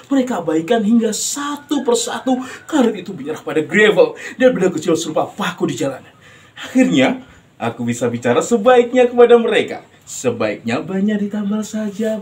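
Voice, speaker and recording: An actor playing a bitter, sardonic working man, declaiming in a grandiose theatrical monologue with drawn-out phrases. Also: sits high, a little mellow, a little hiss or hum. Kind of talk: theatrical monologue, stage acting.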